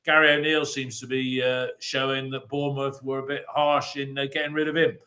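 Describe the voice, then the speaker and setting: Bright-voiced podcast host, teasing. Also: male voice, medium pitch, little pitch movement, brisk. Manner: teasing, steers the talk. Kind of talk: casual football podcast chat.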